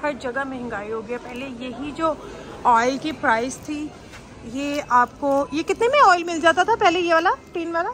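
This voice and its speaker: A woman's voice: high-pitched, normal speed, a bit bright. A woman chatting casually as she films herself shopping in a big supermarket, exclaiming at prices and food. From Pakistan. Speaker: vlogger. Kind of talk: casual shopping vlog chat. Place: large indoor supermarket. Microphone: handheld phone camera. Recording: background music laid over.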